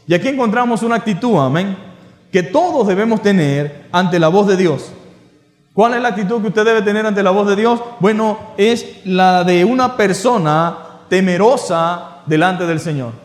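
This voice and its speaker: A Venezuelan man, a pastor, preaching a sermon in an emphatic way, with many repeated rhetorical questions. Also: high-pitched. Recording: echoey church hall with long reverb.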